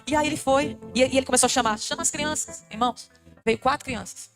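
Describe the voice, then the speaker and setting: A woman's voice: high-pitched, fast talker, over music. A Brazilian woman missionary giving a fervent, emotional testimony to a church congregation, calling them brothers. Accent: Brazilian Portuguese. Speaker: missionary preacher.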